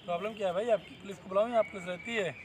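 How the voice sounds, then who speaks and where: A man's voice: sits high, steady tone, rapid-fire. A middle-aged man who steps in as a bystander, scolding and confronting someone in a stern, threatening way outdoors.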